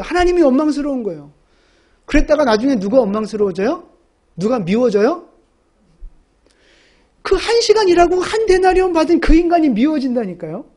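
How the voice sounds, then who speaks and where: High-voiced, emphatic woman pastor. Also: warm tone. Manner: emphatic, rhetorical questions to the congregation. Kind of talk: sermon.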